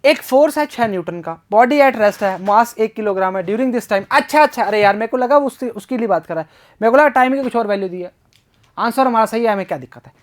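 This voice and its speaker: A man's voice: sits high, animated, quick pace. Man, physics tutor, casual exam prep, jokey, talks to himself, reads out problems. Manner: chatty and joking, talks to himself and to students; reads problems aloud, mixing English terms into the talk. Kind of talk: casual exam-prep lesson, solving questions aloud.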